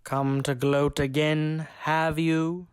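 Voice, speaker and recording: A woman's voice: sits low, little pitch movement, slow, clear, resonant tone. A woman playing a pompous, blustering male castle guard in a comedy film, with indignant, mock-formal proclamations. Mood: defiant. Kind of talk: comedic film character acting.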